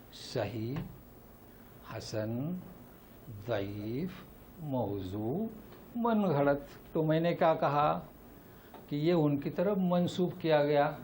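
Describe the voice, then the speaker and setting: A male religious teacher leads a Quran lesson, his voice sitting fairly high. He presses each point with emphasis and answers his own rhetorical questions. A faint hiss runs behind him. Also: darkish tone. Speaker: Islamic teacher.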